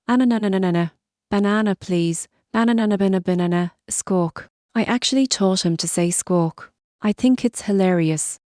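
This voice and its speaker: A woman narrating a scripted horror story in a steady, measured way. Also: lowish voice, dry recording, clean studio sound.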